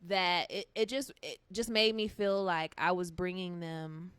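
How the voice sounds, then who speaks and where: A woman's voice: lowish voice, steady tone, unhurried, fairly bright tone, clear, resonant tone, no echo. A woman guest, a singer, telling stories in a casual interview, chatty and full of fillers and acted-out quotes.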